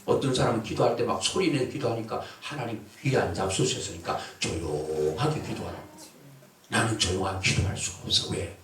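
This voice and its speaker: A man preaching a sermon as pastor, calling out to the congregation and shouting out his examples. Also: mid-range voice, quick pace, hardly any pauses, a little hiss or hum. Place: church or prayer house hall. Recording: echoey hall, voice from far off mic.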